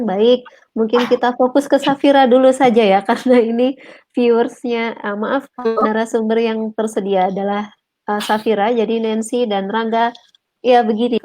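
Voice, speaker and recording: A woman's voice: fairly high pitch, dark tone, no room sound, poor audio. A woman with an Indonesian accent hosting an online interview, repeating and simplifying words for language learners. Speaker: host, interviewer. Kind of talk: online talk show interview.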